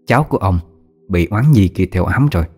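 Low-voiced man narrating a ghost story. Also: slightly rough, faint music behind. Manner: steady, measured storytelling. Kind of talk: scripted horror story narration.

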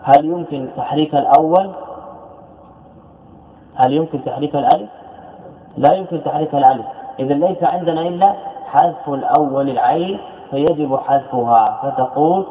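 A man's voice: a little high, brisk, long pauses. A man teaching a classroom lesson, explaining by repeating his points and asking himself questions. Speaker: teacher of Arabic morphology. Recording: echoey hall over a tinny phone-like line.

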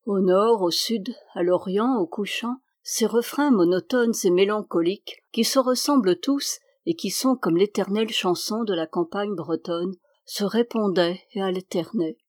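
A woman's voice: mid-range voice, unhurried, hardly any pauses, a little mellow, no room sound. Woman reading a novel, dry close sound. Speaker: audiobook reader. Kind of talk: reading a historical novel aloud.

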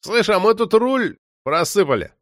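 A man's voice: a little high, moderate pace, a bit bright, no room sound, studio quality, close to an everyday voice. A man voicing a greedy young street thief with whiny, gleeful jeers in an audiobook. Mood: gloating.

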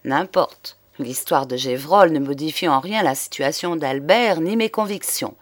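A woman reading the part of an excitable old man, an amateur detective who mutters and broods to himself. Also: sits low, unhurried, no echo. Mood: brooding. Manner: agitated, musing to himself.

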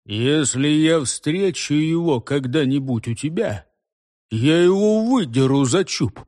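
A man voicing a gruff older village head who threatens in a hoarse half-whisper. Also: a little high, animated, slow pace, darkish tone, dry recording, clean studio sound. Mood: menacing.

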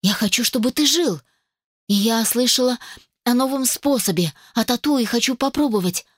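A woman's voice: on the high side, lively intonation, normal speed, dry recording, studio quality, voice pushed up. A woman voicing a stubborn young woman in love, speaking in a pleading, insistent way.

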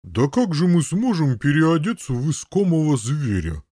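A huffy elderly knight grumbles and protests in a husky, lively voice, put on by a man reading a storybook aloud. He blusters, rising and falling widely, recorded close and dry. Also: on the high side, normal speed, no room sound, pitched above the performer's own voice. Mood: grumbling. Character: gruff elderly Norman knight, grumbling and stubborn. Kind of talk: audiobook character voice.

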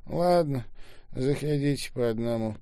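A man reading an audiobook, voicing a calm, curt male doctor who gives the orders. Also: medium pitch, unhurried, clean tone, dry recording, voice pushed up, close to an everyday voice.

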